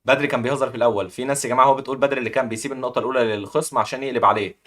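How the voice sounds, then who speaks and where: A young man with an Egyptian accent hosting a live chess puzzle contest, excitedly cheering the players on. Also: medium pitch, rapid-fire. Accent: Egyptian Arabic. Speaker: chess stream host.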